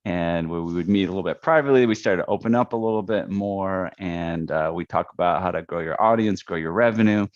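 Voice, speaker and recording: Easygoing male podcast host, very deep voice, slightly dull dry audio. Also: fairly quick, hardly any pauses, no echo. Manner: easygoing, laughs often. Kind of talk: casual podcast chat.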